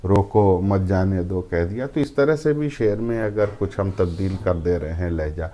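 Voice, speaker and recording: A man hosting a conversation on poetry, speaking in a measured way with frequent hesitations. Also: low-pitched, warm tone, slight background noise. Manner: measured, hesitant with many fillers. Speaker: host. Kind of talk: interview.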